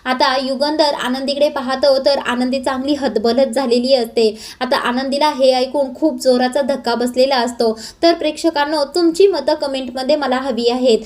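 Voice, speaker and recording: A woman's voice: high voice, steady tone, normal speed, hardly any pauses, a little mellow. A woman narrating a dramatic recap of a TV serial episode, addressing viewers directly.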